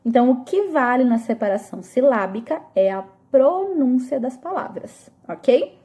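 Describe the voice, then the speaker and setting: A woman teacher with a high-pitched but mellow voice gives a recorded review lesson. She explains step by step and often pauses to check that her students are keeping up. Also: lively intonation. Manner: explains slowly and patiently, checking in with frequent "tá?".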